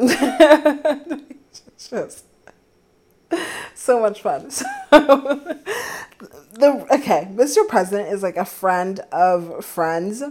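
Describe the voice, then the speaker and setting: A woman's voice: medium pitch, darkish tone. A young woman in her twenties hosting a solo podcast, telling a dating story in a chatty, giggly way with lots of fillers. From Philadelphia area. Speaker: podcast host.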